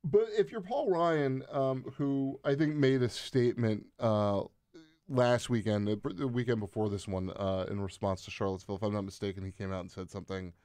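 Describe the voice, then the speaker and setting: A man's voice: on the low side, steady tone, a little fast, a little mellow, smooth, dry recording. A man hosting a political talk show, asking long conversational questions full of fillers. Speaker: podcast host.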